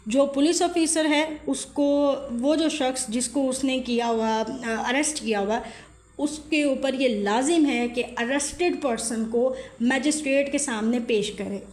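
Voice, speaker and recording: A woman law tutor with a high voice talks through exam revision questions. She speaks slowly and reads out each English legal definition with care. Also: darkish tone. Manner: explains each multiple-choice question, slowing to read English legal text aloud.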